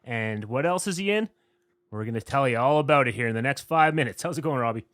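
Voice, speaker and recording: A man's voice: medium pitch, lively intonation, fast, a bit bright, dry recording, studio quality. A man co-hosting a casual radio interview, upbeat and teasing, laughing a lot. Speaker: radio show co-host.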